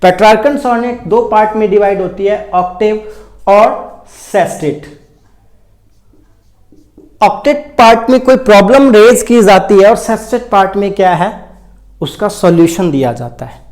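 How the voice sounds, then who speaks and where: A man's voice: sits high, unhurried, pauses often, darkish tone, roomy sound. A man, giving a step-by-step exam-prep lecture on poetry. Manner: explains step by step, says "ठीक है" often. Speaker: English literature teacher.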